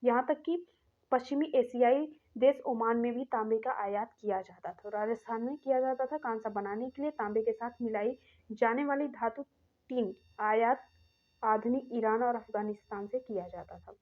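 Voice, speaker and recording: A woman with a fairly high voice works through practice questions like a classroom teacher. She explains each answer step by step and talks straight to her students. The recording sounds thin and tinny, like a phone line. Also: normal speed. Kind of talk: exam-prep lesson.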